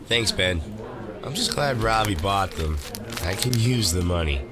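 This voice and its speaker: A man's voice: sits low, animated, measured pace, crowd noise. A man playing an earnest, troubled secret superhero in a motion comic, speaking reflectively. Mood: casual. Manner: reflective, guilt-ridden narration. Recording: loud music over the voice.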